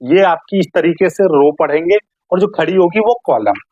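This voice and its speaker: A woman's voice: fairly low pitch, expressive, moderate pace, dark tone, husky, dry recording, dull audio. Dry-voiced woman teaching math. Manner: asks questions and answers them herself, often checks understanding. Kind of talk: classroom-style lesson.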